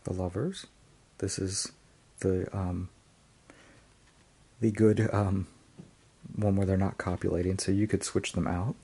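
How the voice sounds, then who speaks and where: A man's voice: deep voice, little pitch movement, slow, pauses often, dark tone, husky. A man casually reviewing and unboxing a tarot deck, hesitant, with frequent ums and restarts.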